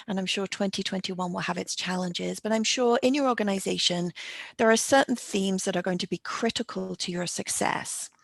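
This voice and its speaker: A middle-aged woman with a mid-range voice hosts a webinar in an interview format. She founded a coaching company and explains things in a businesslike, presentational way. The recording is dry.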